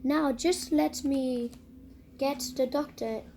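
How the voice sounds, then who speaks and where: A fussing, stammering nurse from a storybook, put on by a woman reading aloud. She repeats her words nervously and bosses people about in a high, unhurried voice with a mellow tone. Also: fairly even intonation, slight background noise. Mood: fussy. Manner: repeats herself in a fussing, stuttering way. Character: fussy, flustered woman nurse.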